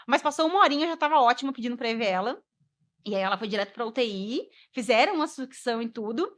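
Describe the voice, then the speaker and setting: A woman's voice: a little high, lively intonation, quick pace, a bit bright. A woman, a guest mother telling her personal story expressively, acting out the dialogue and laughing along the way.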